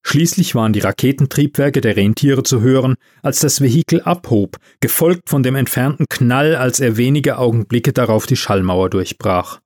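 A man narrating a story in an animated, vivid way. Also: medium pitch, normal speed, few pauses, no echo, clean studio sound.

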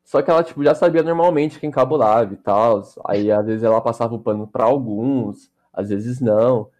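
A young man, chatting on a podcast in a relaxed, slangy way full of fillers. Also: mid-range voice, normal speed. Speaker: podcast co-host. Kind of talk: casual storytelling chat.

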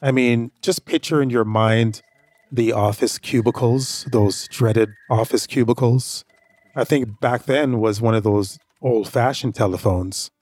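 A man's voice: mid-range voice, measured pace, a little mellow, no room sound. A man hosting a story podcast, telling a personal anecdote in a casual, rambling way that repeats itself. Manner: rambling, repeats himself, conversational. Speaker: podcast host.

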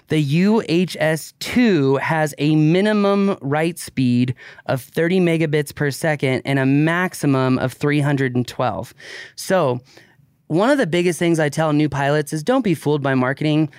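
A man's voice: a little high, darkish tone, clean tone, no echo, clean studio sound. A man co-hosting a podcast, chatting casually and rambling a little, with restarts. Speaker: podcast co-host.

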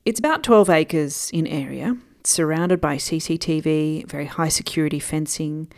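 A woman with a low-pitched voice hosts a podcast, talking at normal speed. She mixes conversational narration with an interview, explaining things informally and addressing listeners directly between questions.

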